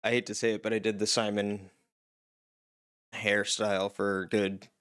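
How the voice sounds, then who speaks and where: A man's voice: lowish voice, little pitch movement, normal speed, fairly bright tone, smooth. Chatty young man from Canada, reacting. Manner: chatty, wonders aloud, laughs between remarks. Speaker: reaction video host. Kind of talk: casual reaction commentary.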